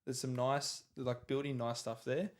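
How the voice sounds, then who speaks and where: A young man hosting a casual sports podcast, rambling with halting restarts. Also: medium pitch, little pitch movement. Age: young adult. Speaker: podcast host.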